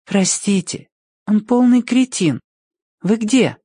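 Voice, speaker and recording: A man reading the part of an odd, pale young woman who is calm and stubborn, in a lilting, matter-of-fact way. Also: high-pitched, measured pace, no echo, studio quality, voice pushed up, heavily acted. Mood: reproachful.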